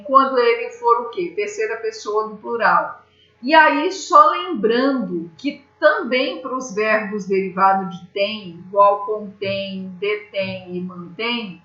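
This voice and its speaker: Brazilian teacher lady explaining grammar real slow and patient, echoey room, kinda muffled. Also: medium pitch, bright, forceful tone. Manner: patient, explains step by step, keeps asking "tá?". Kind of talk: grammar lesson. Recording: echoey room, slightly dull sound.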